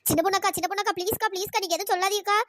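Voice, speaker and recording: A woman voicing a chatty, loyal young village woman in a cartoon, talking in fast coaxing, pleading bursts. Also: very high-pitched, steady tone, slight background noise. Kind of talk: cartoon voice acting.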